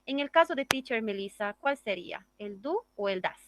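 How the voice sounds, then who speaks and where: A woman's voice: fairly high pitch, animated, moderate pace, background noise. A woman teaching an English grammar class, explaining step by step and checking in with the class through tag questions. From Bolivia.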